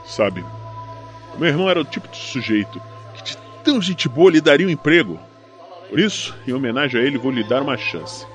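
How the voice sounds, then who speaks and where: Guy acting menacing avenger thug in a crime audio drama, sardonic and taunting, music loud behind him. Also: medium pitch, big pitch swings. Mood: taunting, controlled menace. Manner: taunting, sardonic, foul-mouthed, deliberate. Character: menacing, vengeful male enforcer avenging his brother.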